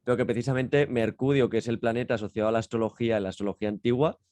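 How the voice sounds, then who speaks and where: A man co-hosts a podcast in a casual, conversational way, explaining things and repeating or rephrasing himself as he talks. His voice is medium-pitched and darkish, with a steady tone and a racing pace. The recording has no echo.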